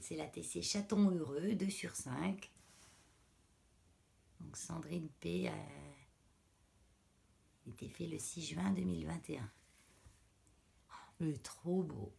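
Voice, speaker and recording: Woman, very gravelly fry, hoarse fading voice, casual unboxing chat, drops to whispers. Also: low-pitched. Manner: exclaiming softly, often dropping to a whisper. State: losing her voice. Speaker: crafting vlogger.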